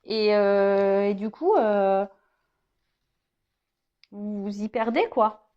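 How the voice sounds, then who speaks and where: A woman's voice: mid-range voice, very slow, muffled recording. A woman giving a casual tarot reading to her viewers, hesitant, restarting and repeating words, often tagging on little asides. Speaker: tarot card reader.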